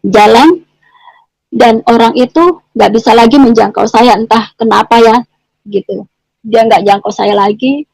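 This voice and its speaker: A middle-aged woman, a guest, shares her testimony in casual conversation, repeating each phrase before continuing and closing clauses with "gitu." Her voice is fairly high and a little slow, with vocal fry, frequent pauses and a slightly mellow quality. The recording is dry with no echo but poor in quality.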